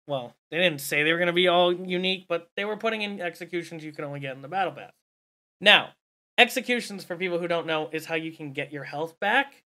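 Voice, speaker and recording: A man hosts a loose gaming podcast among friends. His voice is bright and forceful, and he chats freely, swearing casually and laughing often. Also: a little high. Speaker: podcast host.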